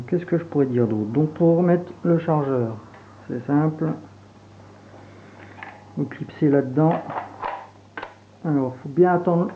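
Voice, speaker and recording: A man from Franche-Comté with a regional French accent, casually unboxing and demonstrating gear as a reviewer, hesitant and full of fillers. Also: fairly high pitch. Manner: relaxed, hesitant, many fillers while handling gear. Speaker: airsoft reviewer. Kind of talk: casual product unboxing and demo. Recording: tinny phone-like sound, faint hiss.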